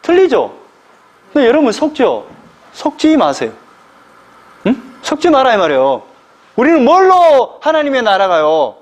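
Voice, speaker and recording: Animated high-pitched male preacher. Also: moderate pace, long pauses. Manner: animated preaching with rhetorical questions and acted quotes. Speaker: pastor. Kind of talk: expository sermon.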